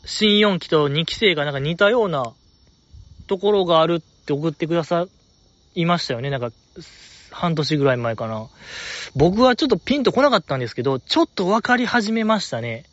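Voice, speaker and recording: A man with a Kansai accent rambles through a casual fan-chat podcast, his pitch leaping about with eager enthusiasm. The sound is dull and lo-fi, recorded very dry with no room in it. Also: expressive, a little fast, dry recording. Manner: enthusiastic, rambling, lots of fillers. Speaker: podcast host reading listener letters.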